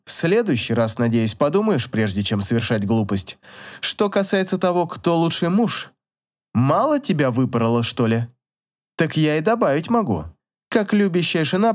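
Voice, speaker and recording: A man's voice: on the high side, sing-song, normal speed. A man reading aloud and voicing a young woman who teases her husband in a bossy, mock-stern way. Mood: teasing. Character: teasing strict young woman, playful lover.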